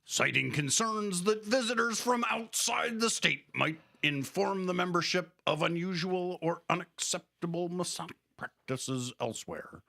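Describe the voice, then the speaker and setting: A man's voice: on the high side, gravelly, pushed and bright. A man co-hosting a casual podcast, reading a mock news segment in a jokey way. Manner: jokey, puts on a spokesman accent in quotes.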